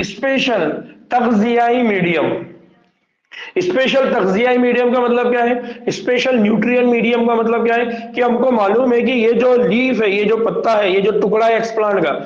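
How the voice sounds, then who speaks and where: Male teacher with a high voice, lecturing in a question-and-answer style, dull lo-fi recording. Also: moderate pace. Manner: asks rhetorical questions and answers them himself; mixes English terms into explanations. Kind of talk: classroom biology lecture. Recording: echoey room, dull lo-fi sound.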